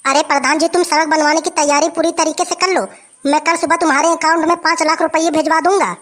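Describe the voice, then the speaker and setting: Performer playing businesslike official, smooth, high-pitched, bright. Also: steady tone, fast. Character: smooth city official making deals.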